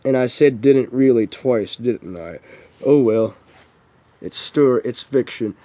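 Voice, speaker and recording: A young man with a warm, mellow voice reads a fan story aloud in the second person. He reads casually, often restarting lines and stopping for offhand asides. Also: medium pitch, slow pace. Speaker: fan fiction reader.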